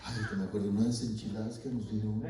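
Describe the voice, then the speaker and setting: A man preaching as a pastor, telling stories, swinging between loud emphasis and hushed asides. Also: on the low side, little pitch movement, quick pace, a crowd in the background. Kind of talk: sermon. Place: church sanctuary. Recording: echoey church hall from far off.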